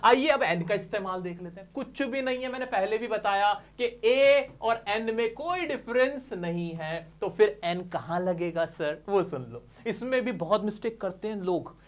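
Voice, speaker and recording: A high-voiced man teaches English grammar step by step. He often poses questions to his listeners and answers them himself, calling them dear friends.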